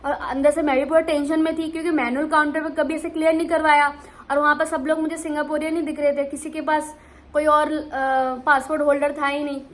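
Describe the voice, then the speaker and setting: Young woman, high voice, casual vlog storytelling, animated, lots of restarts. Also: fairly quick. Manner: animated, many restarts and fillers. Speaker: vlogger.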